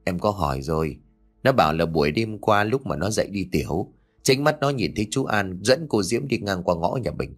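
A worried young village wife speaks softly and anxiously, as a man reading the story voices her. The voice sits fairly low but moves through lively rises and falls. She belongs to a spoken ghost-story audiobook. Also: fairly quick, soft background music. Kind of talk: audiobook character voice.

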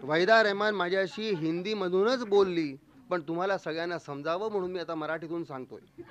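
A man spins a comic first-person tale, his voice sitting high. He tells it playfully and slips in quick voices for the people he quotes. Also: fairly bright tone, a little hiss or hum. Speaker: storyteller. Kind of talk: humorous first-person storytelling.

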